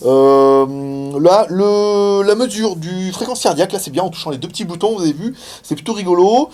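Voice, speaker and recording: A man's voice: sits high, normal speed, darkish tone. A man giving a casual, chatty hands-on demo of a gadget, with many fillers and laughs. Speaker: tech reviewer. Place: indoors, filming in China.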